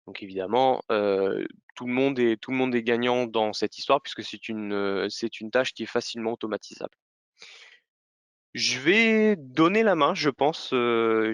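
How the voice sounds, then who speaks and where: A man hosting a business webinar, laying out the product's benefits before handing over to his co-presenter. His voice is smooth and resonant at a medium pitch, and he keeps correcting himself between fillers. The recording is dry. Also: fairly bright tone, no echo. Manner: hesitant, many fillers, self-corrections. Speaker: webinar host.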